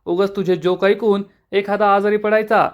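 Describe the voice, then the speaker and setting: A sulking young man answers in curt, sarcastic lines with a high voice. A man reads him plainly while retelling a TV serial episode. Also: little pitch movement, moderate pace, lo-fi sound, lightly acted. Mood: sulky.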